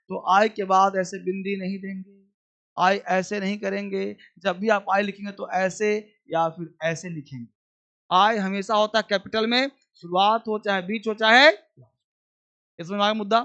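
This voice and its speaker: A man's voice: high voice, sharp tone, clean tone, dull audio. A man teaching a basic English class, drilling words and repeating questions for students to answer.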